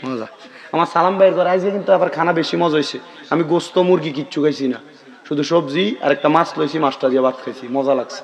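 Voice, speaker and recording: A man's voice: fairly high pitch, steady tone, fast, vocal fry. A middle-aged man preaching an Islamic sermon, bantering with the gathering and calling on them to answer back. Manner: chatty, bantering, calls out to the crowd for responses.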